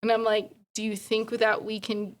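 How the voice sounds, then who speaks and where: A woman who owns an insurance agency, a podcast guest telling lively stories and acting out the dialogue. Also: mid-range voice, moderate pace. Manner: lively storyteller, acts out quoted dialogue. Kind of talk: casual interview chat.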